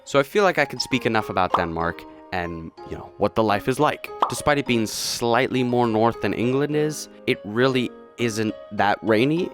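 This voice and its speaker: A young man chatting casually and jokily while ranking countries, often trailing off quietly at the ends of phrases. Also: on the low side. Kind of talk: casual commentary vlog.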